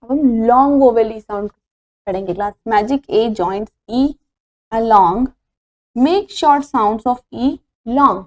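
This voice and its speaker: A woman's voice: on the high side, very slow, a little mellow. A woman teacher with an Indian accent, giving a phonics lesson in Hindi and English, spelling each word letter by letter before reading it.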